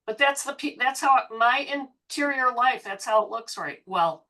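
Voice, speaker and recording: Candid bright-voiced woman. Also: a little high, animated, moderate pace. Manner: candid, confessional. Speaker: artist in an online discussion. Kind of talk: casual chat. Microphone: video call.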